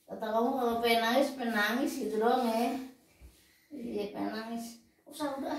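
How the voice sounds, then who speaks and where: A woman's voice: on the high side, normal speed. A woman, the mother in a family vlog, giving sulky, defensive replies in casual banter. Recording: distant, very echoey room with faint noise.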